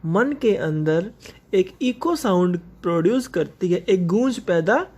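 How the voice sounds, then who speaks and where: A male English teacher in a recorded lesson, reading poem lines slowly and then explaining word meanings to his students. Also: sits high, expressive, a little mellow. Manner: mixes English and Hindi, addresses students directly.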